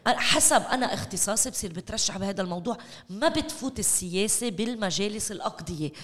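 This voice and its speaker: A woman's voice: medium pitch, lively intonation, rapid-fire, a bit bright. A woman with a Lebanese Arabic accent speaking as a guest in a discussion, emphatic and repeating words for stress. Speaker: interview guest, local development expert. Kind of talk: animated discussion. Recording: echoey hall with long reverb.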